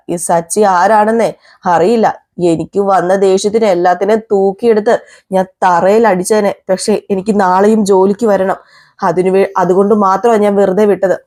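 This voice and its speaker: Woman doing a proud young driver, indignant, defiant, mellow voice, serial recap. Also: medium pitch, lightly acted. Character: Sachi, proud young working-class man, driver. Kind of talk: retelling a serial scene.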